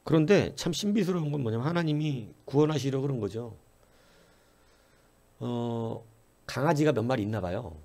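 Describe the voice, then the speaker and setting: In church, a male pastor tells a story in his sermon with plenty of energy, acting out the quoted lines as his pitch rises and falls. He is expressive and warm, speaking at normal speed with long pauses.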